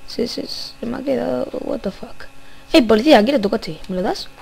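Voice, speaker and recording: A young woman giving silly, playful gameplay commentary, repeating phrases with rising pitch and singing bits. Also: animated, a little fast, vocal fry, a little mellow, husky, low-quality recording. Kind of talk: playful let's-play commentary.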